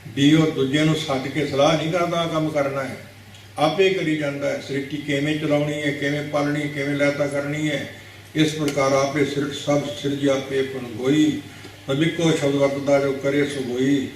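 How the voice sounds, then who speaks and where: A man's voice: on the high side, flat delivery, normal speed, slight background noise. Man delivering a katha sermon in a big prayer hall; instructive, corrective delivery; recorded from a distance with strong room echo. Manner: didactic, repeats words to correct pronunciation; rhetorical questions to the audience. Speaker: Sikh preacher giving katha. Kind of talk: religious discourse explaining scripture. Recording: very echoey hall, mic at a distance.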